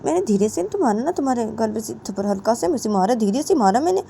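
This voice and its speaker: A stern middle-aged mother-in-law, put on by a woman storyteller, bossy and insistent. She talks in a raised, loud voice and keeps repeating her orders and threats. A faint hiss sits under the voice. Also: on the high side, expressive, fast, gravelly, voice pushed up. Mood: coaxing.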